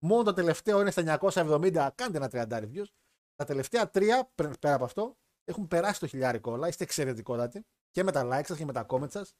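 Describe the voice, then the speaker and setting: A man's voice: on the high side, expressive, a little mellow. A man hosting a live wrestling chat stream, talking in a joking, rambling way. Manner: chatty, joking, rambling with restarts. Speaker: wrestling podcast host.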